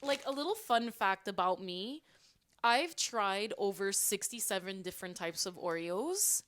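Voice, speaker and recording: Bright-voiced chatty young woman. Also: medium pitch, animated, measured pace. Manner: chatty, enthusiastic snack talk with many "like" fillers. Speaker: podcast co-host. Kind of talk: casual chat.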